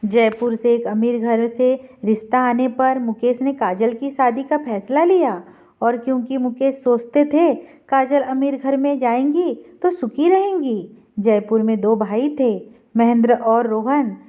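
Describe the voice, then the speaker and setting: High-voiced woman reading a story. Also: a little slow. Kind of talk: scripted story narration. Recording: dull lo-fi recording.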